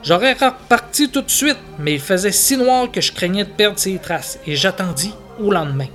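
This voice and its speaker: High-pitched man reading a tale. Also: lively intonation, fairly bright tone, soft background music. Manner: measured literary narration. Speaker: podcast host. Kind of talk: storytelling read-aloud.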